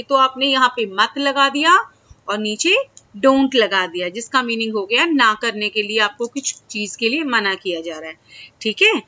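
Woman teacher, bright voice, slightly high, slow example phrases, frequent check-ins. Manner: explains Hindi phrases in English, checks with frequent "ठीक है?"; slow, drawn-out example sentences. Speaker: school English teacher. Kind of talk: classroom-style lesson to children.

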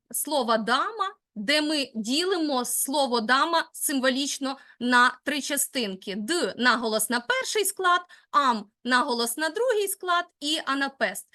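High, bright-voiced woman teaching a class. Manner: encouraging, guiding students step by step. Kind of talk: classroom lesson.

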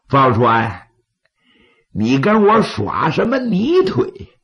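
A storyteller doing a gravelly, defiant bandit chieftain. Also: male voice, fairly high pitch, wildly swooping pitch, very slow, fairly bright tone, heavily acted. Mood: scornful. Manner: dramatic storyteller's character voice, blustering. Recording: slightly dull, lo-fi audio.

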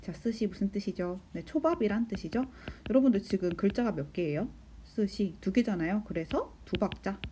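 A woman with a warm, mellow voice explains a lesson to her students. She speaks patiently, asks the class questions and then answers them herself, and slows down to count beats aloud. A faint hiss sits under her voice. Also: mid-range voice, lively intonation. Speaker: Japanese teacher. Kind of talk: recorded school lesson explanation.

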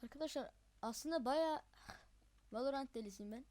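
With a high voice, a young gaming host talks through the action live in a chatty, excitable way. Frustration comes out fast in sudden yelps.

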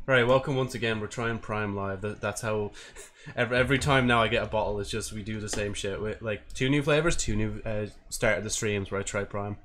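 A man's voice: lowish voice, steady tone, fairly quick, fairly bright tone. A man chatting casually as a livestreamer, rambling and swearing as he goes. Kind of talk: casual chat to a livestream audience. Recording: noticeable background noise.

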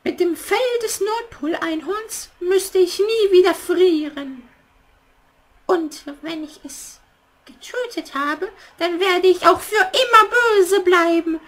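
A man voicing a scheming, bossy old witch in a puppet theater play, with a shrill falsetto cackle and a commanding, theatrical manner. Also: takes it slowly, fairly bright tone, full character voice.

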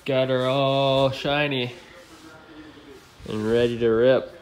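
A man's voice: medium pitch, flat delivery, slow pace. A young man casually narrating his weekend vlog, talking in a laid-back, rambling way into a phone held at arm's length. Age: young adult. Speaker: vlogger. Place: outdoors and at home, handheld. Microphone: phone camera at arm's length.

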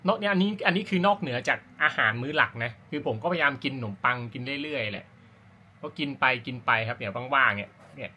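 A man's voice: medium pitch, sing-song, fast talker, sharp tone, husky. A man talking casually as an amateur running vlogger, explaining his routine in an informal, rambling, self-correcting way. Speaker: amateur runner hosting a running vlog. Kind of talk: casual talk to camera about personal routine.

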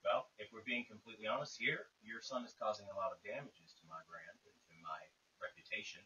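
Over a lo-fi, hissy, distant phone line, a man with a lowish, bright, forceful voice talks fairly quickly. He's the caller in a tense argument, pressing his case insistently in wordy, formal language.

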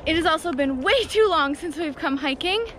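A woman's voice: high voice, lively intonation, normal speed, fairly bright tone, a little hiss or hum. A young woman vlogging casually while out of breath on a wooded hiking trail, recorded on a handheld camera. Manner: chatty, narrating a hike. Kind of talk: casual vlog chat.

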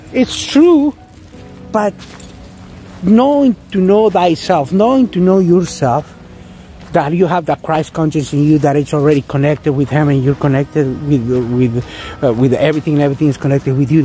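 A man in his fifties, a spiritual teacher, talking earnestly into a phone at arm's length outdoors in a wooded park, halting with many fillers and restarts. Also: on the high side, dark tone. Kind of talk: spiritual vlog monologue. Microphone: phone held at arm's length.

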